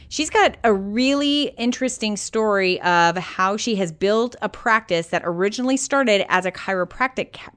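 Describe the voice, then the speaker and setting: North american lady doing a podcast, kinda low voice, chatty, gushing, really punches her words. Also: a bit bright, smooth. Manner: effusive, informal, emphatic. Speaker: podcast host. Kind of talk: conversational podcast hosting and interviewing.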